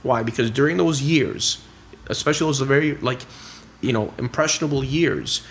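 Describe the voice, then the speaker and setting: A middle-aged man with a medium-pitched voice, appearing as a guest on a podcast, shares family stories at a moderate pace over a slight hiss or hum. He's a real estate investor, and this casual storytelling interview has him chatting freely, leaning hard on "you know" and "like" and acting out family dialogue in quotes.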